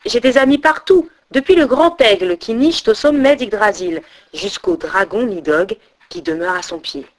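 A woman's voice: fairly high pitch, lively intonation, moderate pace, lightly acted. A woman voicing a mocking, boastful male squirrel in a storybook tale. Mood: threatening. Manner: taunting, boastful.

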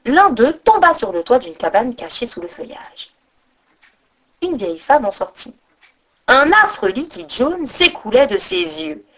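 A woman reading a folk tale aloud as storyteller, expressive, with sung-out sound effects. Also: high-pitched, unhurried. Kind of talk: storybook narration.

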